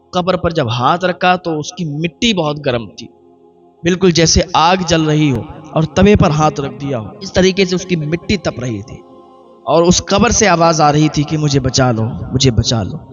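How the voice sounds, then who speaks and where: A man's voice: on the high side, muffled recording. A man preaching a sermon in Urdu, telling a moral story and acting out the characters' dialogue.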